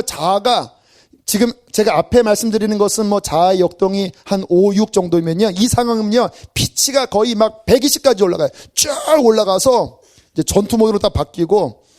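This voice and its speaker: A male pastor giving a Friday evening sermon in a church, acting out everyday scenes with self-deprecating humor. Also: high voice. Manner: animated, acts out everyday scenes. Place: church sanctuary.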